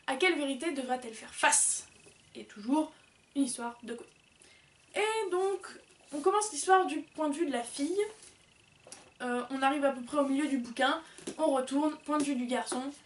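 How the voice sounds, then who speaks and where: A woman's voice: high voice, roomy sound, recorded from a distance. A woman chatting casually and rambling as she reviews books, with many fillers. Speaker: book vlogger. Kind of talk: casual book review chat.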